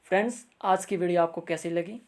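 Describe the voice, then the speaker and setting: A man's voice: high-pitched, a little fast, darkish tone. A man teaching grammar in a recorded video lesson, reciting word forms carefully and drawn out, and speaking patiently and directly to viewers.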